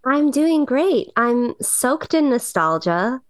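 A woman's voice: sits high, very animated, takes it slowly, dry recording. Dry-witted woman with a cold. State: recovering from a cold. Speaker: podcast co-host. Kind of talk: casual podcast chat.

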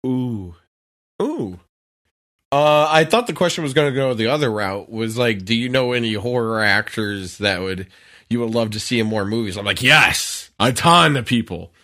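A man's voice: mid-range voice, lively intonation, moderate pace, a bit bright. A man co-hosting a casual podcast, giggly and goofy, laughing often and slipping into silly voices. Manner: does silly put-on voices. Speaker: podcast co-host.

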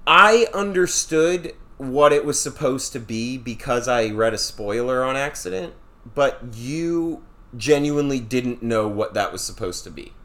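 A man's voice: medium pitch, animated, measured pace, sharp tone. A man co-hosting a podcast in casual chat, talking loosely and swearing offhandedly. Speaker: podcast co-host.

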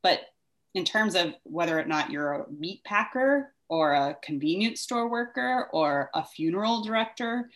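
A woman with a low-pitched voice talks through civic questions in a casual discussion. She thinks aloud, doubles back on her words and laughs lightly as she goes. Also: animated, normal speed, a bit bright. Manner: chatty, thinks aloud with many "like"s and restarts; laughs lightly while talking. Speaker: vice mayor, co-host.

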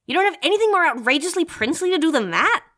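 A woman's voice: very high-pitched, very animated, racing, a bit bright, exaggerated voice. A woman playing a boastful young superhero who hosts a radio show in an audio drama, with a theatrical, melodramatic, slangy delivery. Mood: whiny, impatient. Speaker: host of an in-story news show. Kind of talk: audio drama acting, mock-epic radio narration.

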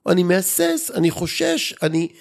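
A man's voice: sits high, very animated, vocal fry. A man, a group therapist and guest, explaining things thoughtfully in conversation and often restarting his sentences.

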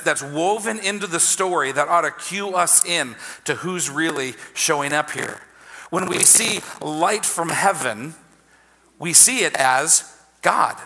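A pastor delivers his sermon with a bright, forceful, slightly high voice. He talks conversationally and doubles back on his phrases for emphasis. A long reverb trails his words through the hall. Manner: conversational preaching with repeated phrases.

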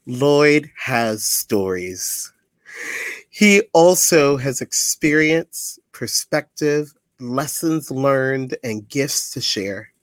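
A man's voice: mid-range voice, dry recording. A man hosting a podcast, friendly and upbeat as he introduces and questions his guest. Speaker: podcast host.

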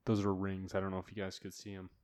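A man's voice: low voice, monotone, fast talker, darkish tone. A man hosting a solo podcast from his new home studio, rambling bluntly and swearing freely. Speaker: podcast host.

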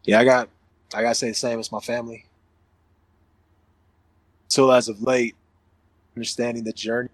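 A man's voice: medium pitch, moderate pace, long pauses, dry recording. A man hosting a casual chat, talking loosely and plainly, his voice coming through a group online voice call. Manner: relaxed, loose talk with profanity. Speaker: podcast host.

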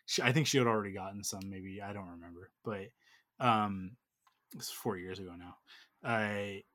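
A man's voice: fairly low pitch, normal speed, a bit bright. A man in his thirties telling a long personal story in casual chat, full of fillers and restarts. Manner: rambling, filler-heavy storytelling.

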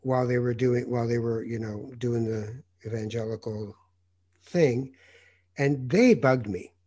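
A man from North Africa, a journalist hosting an interview, telling lively anecdotes with many hesitant fillers. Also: mid-range voice, measured pace. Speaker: host, journalist. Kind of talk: conversational interview storytelling.

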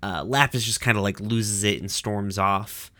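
Young guy rambling thru a cartoon recap, swears a lot, sharp bright voice, dead dry sound. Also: fairly low pitch, normal speed, no echo. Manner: profane, rambling, with lots of fillers. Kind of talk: casual episode recap.

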